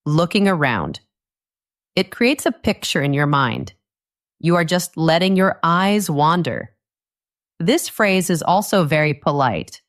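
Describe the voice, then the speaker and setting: A woman giving a scripted English lesson for learners in a slow, gentle and encouraging way. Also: lowish voice. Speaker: English teacher.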